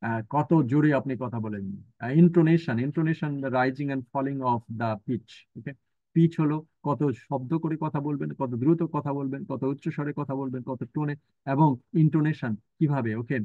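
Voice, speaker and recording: A man with a Bangladeshi accent teaches a live online class, reading English text aloud and breaking it down in Bengali with frequent fillers. His voice sits at an ordinary middle pitch. The audio is thin and phone-like, with a dry, close sound. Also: normal speed, no echo. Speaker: university lecturer. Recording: tinny phone-like line, dry.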